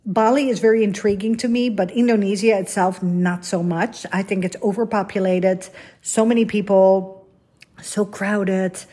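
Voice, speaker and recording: A woman's voice: medium pitch, darkish tone. A middle-aged woman from the Netherlands, hosting a podcast in a candid, rambling, self-deprecating solo monologue. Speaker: podcast host.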